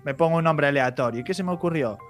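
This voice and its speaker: A slightly hoarse man with a Galician accent talks as a guest musician. His storytelling is relaxed and full of slang, with faint music under him. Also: on the high side, fast. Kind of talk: casual interview chat.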